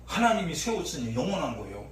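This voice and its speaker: A male pastor preaching an impassioned sermon, swinging from low murmurs to shouts, recorded in a church sanctuary during an evening service. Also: very animated, fast. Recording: echoey church hall from far off, faint noise.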